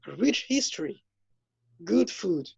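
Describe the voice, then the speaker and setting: Man, twenties, from France, hesitant speech, fillers, husky, lo-fi dull audio. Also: high voice, sing-song, measured pace, a little mellow, no room sound. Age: 20s. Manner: hesitant, many fillers and restarts. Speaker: interview guest. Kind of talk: self-introduction in an interview. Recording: dull, lo-fi dry sound.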